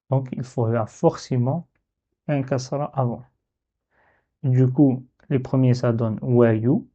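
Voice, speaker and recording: A man's voice: medium pitch, mellow, muffled recording. A man teaching a reading lesson, patient and step by step, drawing out each syllable as he sounds it. He speaks with a French accent.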